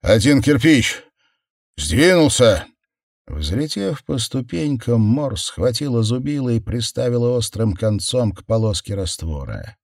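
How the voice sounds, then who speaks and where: A man narrating a horror audiobook in a measured, intense way, slowing down on key words. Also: fairly low pitch, darkish tone, no room sound. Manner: measured, intense, with slowed stresses. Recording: dry close studio sound.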